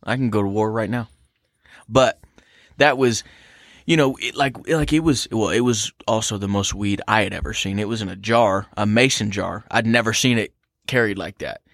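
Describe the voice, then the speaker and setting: A man's voice: fairly low pitch, normal speed, gravelly, a bit bright, no echo, studio quality. A young man, chatting casually as a podcast co-host, telling stories in a laid-back way and laughing often. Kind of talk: casual chat.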